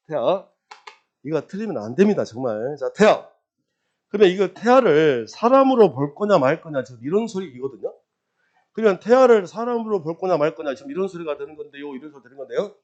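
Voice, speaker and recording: A middle-aged man lecturing on property registration law, quizzing his class with rapid questions and answering them himself. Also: a little high, muffled recording. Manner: lively, quizzing, drills with repeated questions and answers. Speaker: real estate law exam lecturer.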